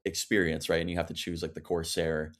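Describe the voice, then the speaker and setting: A man's voice: deep voice, flat delivery, a little fast. A man talking as a podcast panelist in casual chat, rambling and saying "like" a lot.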